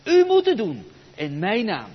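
A man's voice: on the high side, sing-song, takes it slowly, husky, long reverb tail, highs cut off, exaggerated voice. A man preaching in a sermon, quoting the words of God calling and sending out. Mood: commanding. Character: God calling, solemn and inviting.

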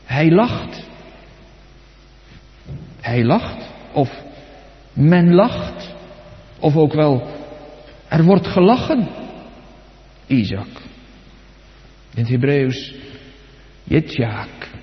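A man preaching a sermon, dramatic and swinging between soft and loud, putting direct questions to his congregation. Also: fairly high pitch, sing-song, extremely slow, pauses often. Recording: echoey hall, dull lo-fi sound.

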